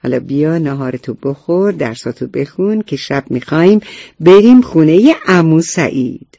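A man's voice: a little high, expressive, vocal fry, warm tone, dry recording, highs cut off. A man voicing a caring mother who praises her young son, in a storybook reading. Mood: fond.

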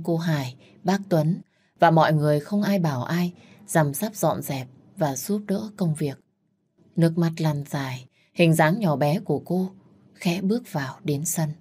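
Low husky woman storyteller. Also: mellow. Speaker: narrator. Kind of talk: scripted narration of a family drama story.

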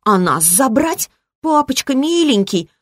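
A shrill, bratty little girl who whines and pleads like a frightened child, as a woman reader puts her on. The voice sits far higher than a grown woman's and bursts out loud in protest. It is an audiobook voice with a dry, close sound. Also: sing-song, a little slow, no room sound, full character voice. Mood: whining pleading. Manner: whiny, indignant, childish pleading.

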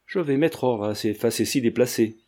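A man reading the lines of a proud gentleman painter in an audiobook, stern and exasperated. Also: medium pitch, normal speed, close to an everyday voice.

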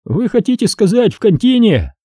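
A man's voice: high voice, big pitch swings, moderate pace, mellow, no room sound, clean studio sound, pitched above the performer's own voice. A man reading an audiobook, voicing a sardonic male police officer who keeps needling a suspect with mocking asides. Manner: mocking, teasing interjections.

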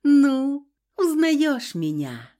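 A woman's voice: high-pitched, sing-song, very slow, dark tone, voice pushed up, exaggerated voice. A woman voicing a bossy, touchy female demigoddess in an audiobook, who coaxes and then snaps. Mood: coaxing. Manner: coaxing, then snappish.

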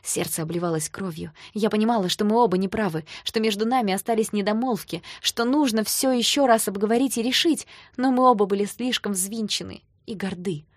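A woman narrating a first-person novel with an expressive, emotional reading. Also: medium pitch, a little fast, few pauses, no room sound, studio quality. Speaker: audiobook narrator.

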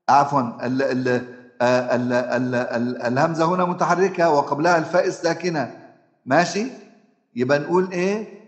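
Egyptian man teaching recitation in an echoey room. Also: on the high side. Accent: Egyptian Arabic. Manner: asks the class questions and answers them himself; drawn-out chanted examples. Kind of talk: tajweed lesson explaining recitation rules. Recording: roomy echo.

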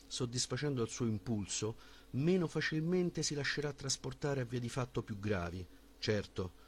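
A man reading a philosophical dialogue as an audiobook in a measured, formal voice with a husky tone. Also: medium pitch. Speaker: audiobook reader.

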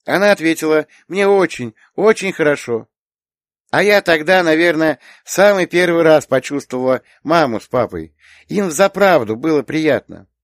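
A man's voice: lively intonation, moderate pace, dry recording, clean studio sound. A man reading an audiobook, voicing a cheerful, chatty little girl who keeps asking questions. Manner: eager, questioning, high childlike voice. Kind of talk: audiobook character voice.

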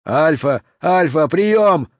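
A man voicing a tough male commando leader who gives stern orders and shouts into a radio. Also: medium pitch, expressive, moderate pace, no echo, natural voice. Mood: shouting.

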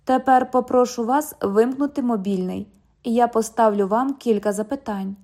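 A woman's voice: a little high, normal speed, a little mellow. Jack: a woman doing a stiff young cop. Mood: formal. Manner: formal, stiff, patient. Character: patient, formal young male police officer. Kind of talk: audiobook dialogue reading.

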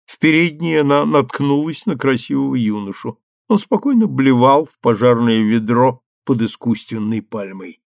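A man's voice: medium pitch, expressive, moderate pace, gravelly, hardly any pauses, dry recording, clean studio sound. A man narrating a literary audiobook, livening up the dialogue with character voices. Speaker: audiobook reader.

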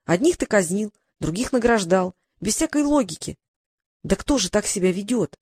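A cheeky young apprentice mage, voiced by an audiobook reader, lecturing his enemy with sarcastic scorn. The voice is pitched up and lively. The recording is close and dry. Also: normal speed, breathy edge, dry recording. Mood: scolding.

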